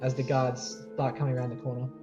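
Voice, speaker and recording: A man's voice: mid-range voice, completely flat delivery, fast talker. A man narrating a tabletop game as game master, casually and with hesitant, improvised phrasing. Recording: dull lo-fi audio, music underneath. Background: faint music.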